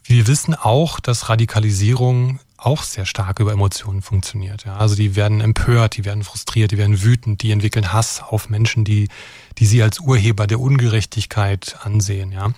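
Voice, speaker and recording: A man's voice: on the low side, steady tone, brisk, darkish tone, no echo. A middle-aged man from Brandenburg, Germany, an expert guest who explains at length and tags his sentences with "ja". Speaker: expert guest from an extremism center. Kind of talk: conversational interview.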